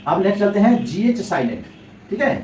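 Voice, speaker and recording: A man's voice: high voice, sing-song, fairly quick, darkish tone. Man teaching, echoey distant sound. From India. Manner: asks and answers his own questions, repeats points. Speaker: English teacher. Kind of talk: explaining lesson to viewers. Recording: roomy echo, distant mic, faint noise.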